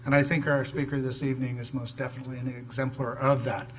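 A man in his fifties reading a measured, formal introduction from a podium in a large hall. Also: medium pitch, level tone, husky. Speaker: event host introducing the speaker. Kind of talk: prepared introduction. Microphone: podium mic.

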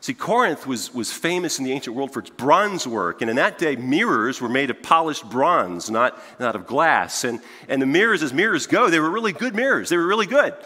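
A man in his fifties preaching a sermon as pastor in a church sanctuary, conversational and animated, with frequent restarts and "right?" asides, moving about the stage while gesturing. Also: mid-range voice, a little fast, few pauses. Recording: long church hall reverb.

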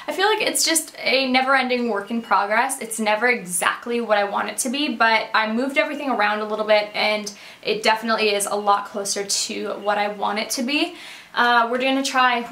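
A young woman from Canada gives a casual catch-up to camera, sitting on pillows in her beauty room. Her voice sits a little high, and she talks in a bubbly, rambling way. The room gives it a noticeable echo. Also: a bit bright. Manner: bubbly, chatty, rambling with fillers. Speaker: beauty vlogger. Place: bedroom beauty room, indoors.

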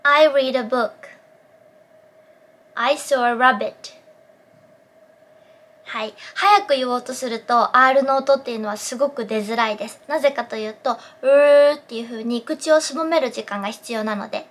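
A young woman teaching English pronunciation in a clear explanatory tone, saying English model phrases slowly and carefully. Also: on the high side. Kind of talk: pronunciation lesson.

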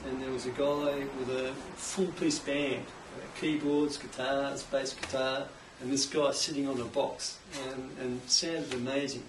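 A middle-aged Australian man explaining his craft in a relaxed interview, with an enthusiastic musician's manner. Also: medium pitch, a little slow, few pauses. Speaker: guest, cajon maker. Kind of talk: casual interview. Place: indoors, home workshop. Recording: echoey room, mic at a distance, faint background hiss.

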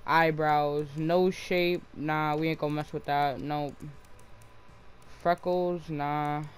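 A man's voice: fairly high pitch, flat delivery, slow, smooth. Slangy young man saying "bro" constantly. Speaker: gamer. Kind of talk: casual gameplay commentary.

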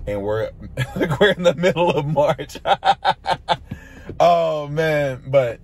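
A man's voice: on the high side, animated, slow, darkish tone. A young American man chatting casually and candidly to his vlog camera. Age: young adult. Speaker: amateur comedian vlogger. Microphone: phone at arm's length.

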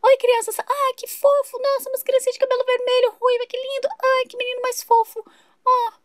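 A woman's voice: very high-pitched, little pitch movement, a little fast, dry recording, clean studio sound, pitched above the performer's own voice. A woman voicing a gushing, chatty adult neighbor in a toy-figure soap opera, fawning over everyone.

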